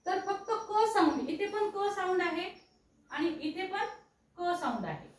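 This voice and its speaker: A woman's voice: very high-pitched, expressive, measured pace. A woman teaching English pronunciation, explaining patiently, repeating key words and asking the viewer questions. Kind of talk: explaining spelling and pronunciation to learners. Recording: echoey room, voice from a distance.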